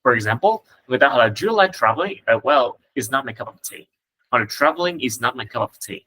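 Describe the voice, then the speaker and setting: A man, a native Vietnamese speaker, teaching an English lesson, reading model phrases slowly and carefully between quick explanations. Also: mid-range voice, sharp tone, slightly rough, poor audio. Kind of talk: casual spoken lesson.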